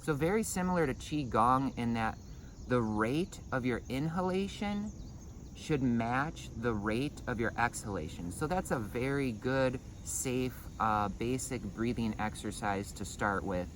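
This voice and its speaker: A man's voice: mid-range voice, expressive, measured pace. Male breathing instructor, noisy chirping background. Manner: explanatory, hesitant phrasing with repeated words. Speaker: breathing meditation and Qigong instructor. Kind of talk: informal spoken lesson.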